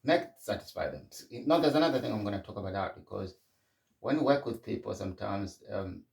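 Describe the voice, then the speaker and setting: A man's voice: on the low side, lively intonation, a little fast, creaky, darkish tone, roomy sound, far from the mic. A middle-aged man from Zimbabwe hosting a podcast, talking candidly in a reflective solo monologue. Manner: candid and conversational, frequent restarts. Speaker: podcast host.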